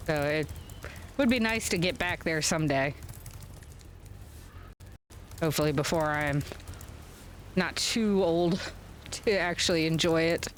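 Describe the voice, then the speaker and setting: A low-voiced American woman hosts a gaming stream from home, her webcam recording carrying a little hiss or hum. She chats casually as she plays, rambling without hurry and filling gaps with fillers and chuckles.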